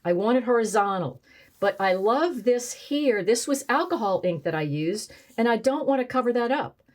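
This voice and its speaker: A woman's voice: a little high, lively intonation, moderate pace, darkish tone. A woman art teacher demonstrating collage on a painting, thinking aloud as she tries pieces in different spots. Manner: thinks aloud, musing and trying options.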